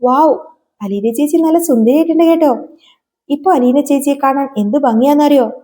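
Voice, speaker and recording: A woman's voice: high voice, normal speed, mellow, close to an everyday voice. A woman voicing an eager, sweet young girl in a retold serial story. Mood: excited.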